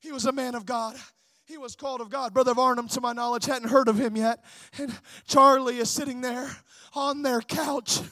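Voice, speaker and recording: A male preacher giving a sermon, moving between shouted exhortation and hushed storytelling. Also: very high voice, fairly even intonation, normal speed, dry recording.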